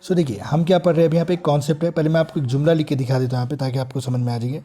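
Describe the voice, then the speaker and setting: A man from India teaching English grammar in an online lesson, explaining step by step and drawing out each example sentence slowly. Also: on the high side, fairly even intonation, mellow.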